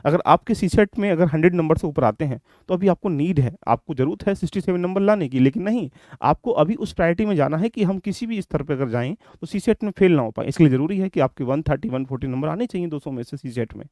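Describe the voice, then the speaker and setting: A man's voice: fairly high pitch, lively intonation, fast talker, warm tone, no room sound, studio quality. A man giving a direct, instructive lecture on exam strategy to his students. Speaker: exam coaching teacher.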